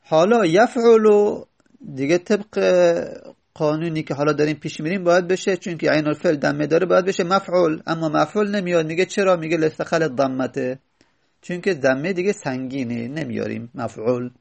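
A teacher with a gravelly, slightly high voice explains Arabic grammar from a classical text. He reads a line, then explains it, often posing questions and answering them himself.

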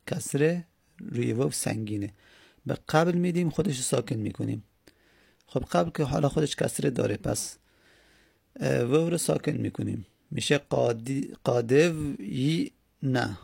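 A man with a heavily gravelly, creaky voice and a dark, mellow tone talks through a grammar lesson. He is patient and repeats words slowly and stretches them out. His voice is a bit husky, and the room sounds dry and close. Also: medium pitch, no room sound. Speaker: teacher. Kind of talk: explaining Arabic grammar lesson.

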